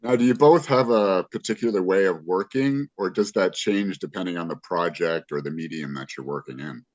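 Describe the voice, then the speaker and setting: Low voice guy doing an interview, short polite questions, muffled lo-fi audio. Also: moderate pace. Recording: dull lo-fi audio.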